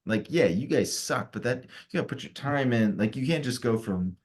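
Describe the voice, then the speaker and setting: A man's voice: medium pitch, animated, normal speed, slightly rough. A man co-hosting a sports podcast, ranting casually and with lots of swearing. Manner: profane, fired-up ranting. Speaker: podcast co-host.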